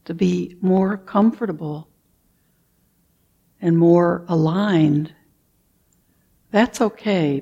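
A woman leading a guided meditation, talking softly and calmly, with frequent throat clearing. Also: fairly low pitch. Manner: slow, soft-spoken and calm, with frequent throat clearing. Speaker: meditation teacher.

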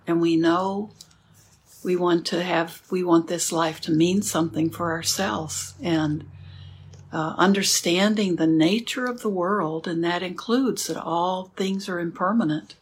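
A woman leading a guided meditation as a teacher, speaking calmly and gently with unhurried pauses. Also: lowish voice, slight background noise.

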